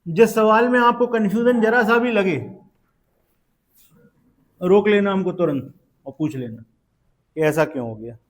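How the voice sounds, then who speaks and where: High-voiced man teaching a math class. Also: a little slow, pauses often. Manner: coaxing, keeps quizzing students and checking they follow. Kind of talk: live classroom lesson. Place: classroom with students.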